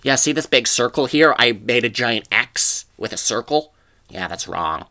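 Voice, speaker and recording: A man's voice: medium pitch, expressive, normal speed, bright, forceful tone. Condescending young male classmate, nitpicking and corrective, played by a man telling a story.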